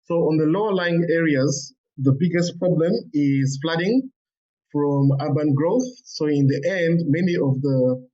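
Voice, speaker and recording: A man's voice: fairly high pitch, unhurried, dark tone. Man, slightly distant and muffled. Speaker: workshop participant. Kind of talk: informative talk in an online webinar. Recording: dull, distant online call microphone.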